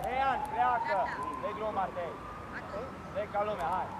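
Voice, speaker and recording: A man coaching young football players from the touchline, shouting commanding orders and repeating their names over and over. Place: outdoor football pitch during a match. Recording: noisy outdoor pitch recording.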